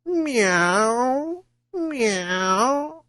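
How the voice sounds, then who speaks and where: A man's voice: very high-pitched, big pitch swings, drawn-out words, pushed and bright, no room sound, pitched above the performer's own voice, full character voice. A man doing a greedy mewing cat. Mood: whiny.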